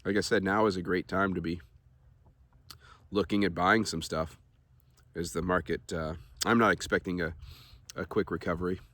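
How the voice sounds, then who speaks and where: A man vlogging in a relaxed, rambling way, with many ums and uhs, talking to his viewers. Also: sits low, normal speed. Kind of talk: casual talk to camera.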